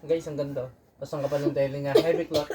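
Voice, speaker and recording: A woman's voice: low-pitched, steady tone, quick pace, warm tone, slight background noise. A woman with a Filipino accent, chatting playfully to her viewers while sorting secondhand shirts. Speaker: thrift clothing seller. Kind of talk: casual unboxing chat.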